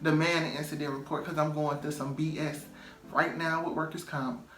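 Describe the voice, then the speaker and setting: A man with a slightly high, fairly flat, rather bright voice speaks at normal speed, relating a personal story like a storytime vlogger. His casual, chatty telling is packed with "um" and "like" and repeats phrases for emphasis. The room echoes noticeably, with faint music in the background.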